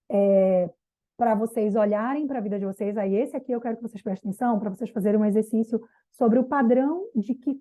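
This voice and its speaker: A middle-aged woman mentor giving a casual, direct motivational talk to a group of women, speaking straight to her listeners and using mild slang. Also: fairly high pitch. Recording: tinny phone-like audio.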